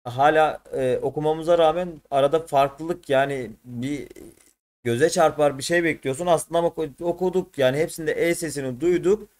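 A man's voice: fairly high pitch, normal speed, darkish tone. A man teaching an exam prep lesson, tired, thinking aloud and correcting himself as he works through questions. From Turkey.

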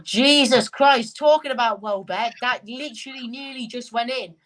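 A young woman hosts a live football reaction stream and keeps up a running commentary. She passes on what her chat is saying, in a fairly high voice. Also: normal speed, fairly bright tone, rough recording. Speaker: vlogger host.

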